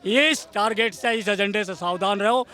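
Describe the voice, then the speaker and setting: A man's voice: high voice, normal speed, pushed and bright. A man in a street interview outdoors, declaiming like a speech and making accusations. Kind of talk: heated street vox pop.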